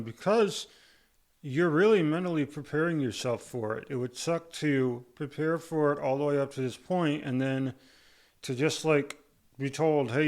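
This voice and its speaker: A man's voice: mid-range voice, darkish tone. Man talking through a tight, barely open jaw. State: mouth held tight by rubber bands after jaw surgery, talking with difficulty. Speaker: vlogger giving a surgery recovery update. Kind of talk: casual talk to camera.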